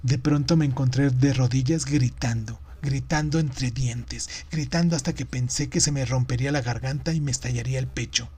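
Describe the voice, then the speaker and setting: A man reading a novel aloud in steady, measured audiobook narration. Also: mid-range voice, slightly rough.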